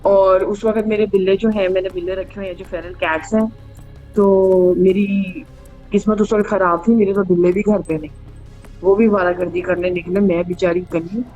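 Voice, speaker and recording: A mellow, mid-range female voice with fairly even intonation and a moderate pace belongs to the host of a true ghost story show. She recounts personal stories in a chatty manner, mixing in English phrases, as music plays under dull, band-limited audio.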